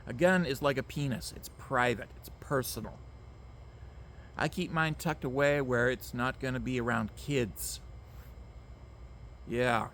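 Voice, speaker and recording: A man's voice: mid-range voice, unhurried, long pauses, a bit bright, slight background noise. A man, ranting emphatically to camera outdoors, repeating himself and swearing. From Canada. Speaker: vlogger. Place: outdoors among mosquitoes.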